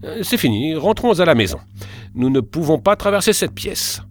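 A man voicing an excitable, hungry boy adventurer in a storybook reading, shouting his exclamations. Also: a little high, moderate pace, faint music behind, pitched above the performer's own voice. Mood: excited.

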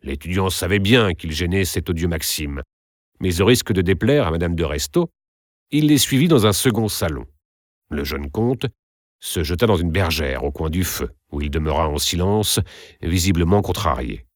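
A man narrating a classic novel aloud in an expressive, theatrical reading style. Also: sits low, moderate pace, no room sound, studio quality.

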